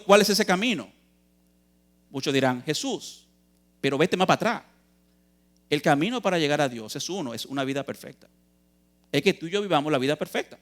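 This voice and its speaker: In a church, a man with a slightly high voice preaches a youth sermon, earnest and emphatic. He poses questions and answers them, calling his listeners brothers.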